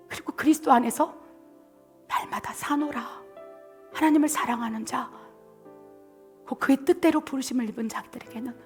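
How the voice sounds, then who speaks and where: High-voiced woman preaching with fervor. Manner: swings from shouted appeals to soft whispers. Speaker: missionary pastor. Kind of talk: passionate sermon.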